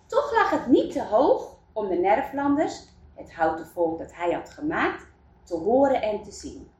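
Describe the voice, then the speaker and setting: A woman reading a children's story aloud, in an expressive storybook manner. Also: mid-range voice, a little slow. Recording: roomy, distant mic.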